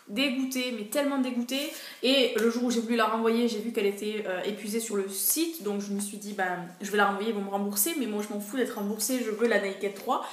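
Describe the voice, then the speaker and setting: A woman beauty vlogger talks through her favorite products in a casual, chatty way, often pausing to hesitate. Her voice sits a little high. The room around her sounds echoey. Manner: chatty, hesitant with frequent fillers. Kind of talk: casual monthly favorites review.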